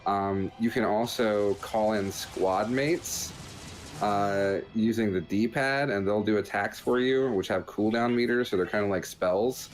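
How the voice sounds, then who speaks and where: A podcast host reviews a video game, casually commenting over gameplay footage and explaining things in a joking, meandering manner. His voice is on the low side and a little slow, with slight background noise.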